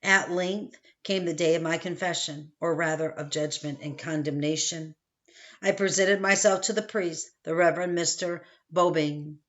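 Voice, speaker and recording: A woman reading a first-person memoir audiobook in a steady, measured way. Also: sits low, muffled recording. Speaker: audiobook narrator.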